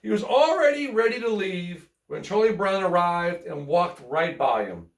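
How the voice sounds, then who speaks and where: This bedtime story reader has a high, animated voice with vocal fry and a normal speed, telling a children's picture book in a playful, folksy style with repetition and chatty tangents. It sounds roomy and echoey, captured from far away.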